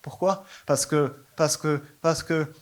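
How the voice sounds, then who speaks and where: A man's voice: fairly high pitch, steady tone, takes it slowly. A young man from Venezuela with a Latin American Spanish accent, doing a punchy, ironic stand-up set on stage. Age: young adult. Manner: punchy, ironic storytelling to a live crowd. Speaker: stand-up comedian. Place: comedy stage before an audience.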